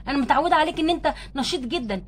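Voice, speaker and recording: A tender but bossy young wife doll, played by a woman who coaxes and nudges in an Egyptian Arabic accent. Her high voice races along at a breakneck clip in a homemade doll-play story. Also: lively intonation, very fast, slight background noise. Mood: coaxing.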